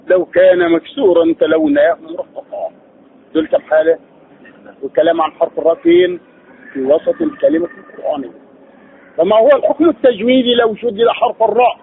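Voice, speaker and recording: A man's voice: high-pitched, slightly rough. A man teaching Quran recitation rules, asking his students questions, answering them himself and drilling syllables aloud. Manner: drills sounds by repeating syllables. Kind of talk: tajweed lesson. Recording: tinny lo-fi phone-like recording.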